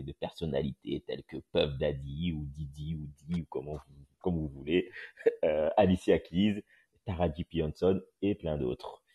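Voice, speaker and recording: A man with a very low, mellow, slightly husky voice hosts a casual live podcast room. He talks haltingly with frequent filler sounds, and he is picked up by a phone mic on an audio chat app. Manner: hesitant, many filler sounds. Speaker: podcast host and journalist.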